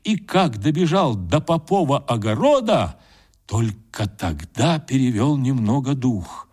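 A male audiobook narrator reads a classic tale aloud in a husky voice. His delivery is lively, with wide swings in pitch. He builds suspense with well-timed pauses. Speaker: audiobook reader. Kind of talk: expressive literary narration.

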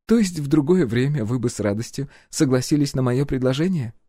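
A man's voice: mid-range voice, fairly quick, dark tone, no room sound, studio quality, voice pushed up, natural voice. A man voicing a proud, imperious middle-aged empress who presses her demands with cool politeness and insistent force. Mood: coolly insistent. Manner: insistent, commanding, coolly polite.

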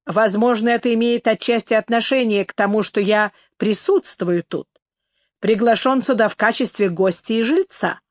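A wry young man with a dry, ironic way of talking, voiced by a woman reading an audiobook. The voice sits fairly high and is recorded close, with a dry sound and no room echo. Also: normal speed, natural voice.

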